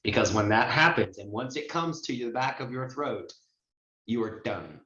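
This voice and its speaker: Over muffled, echoey video-call audio, a man in his forties who hosts and trains notaries talks with a medium-pitched, sharp, expressive voice at a normal pace. He coaches conversationally and likes to explain things through examples.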